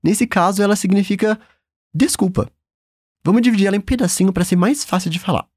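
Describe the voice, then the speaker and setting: A man's voice: sits high, a little fast, a little mellow, dry recording, studio quality. A man with a Brazilian accent teaching a German lesson in a patient, encouraging, upbeat way. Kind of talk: language lesson.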